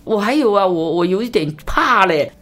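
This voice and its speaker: A woman evangelist telling a story in an interview, with a lively delivery, big pitch swings and quick, repeated phrases.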